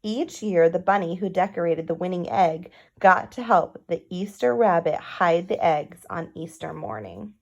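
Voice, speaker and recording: A woman's voice: on the low side, measured pace, creaky, few pauses, lo-fi sound. A woman narrating a children's storybook, with casual asides that explain things to young listeners. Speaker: picture book read-aloud reader.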